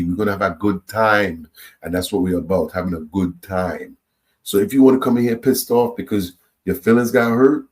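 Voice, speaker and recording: Loose and animated, the Trinidadian and Tobagonian host of a reaction channel delivers his opinions to viewers in a low-sitting voice. Repeated and restarted words come up often.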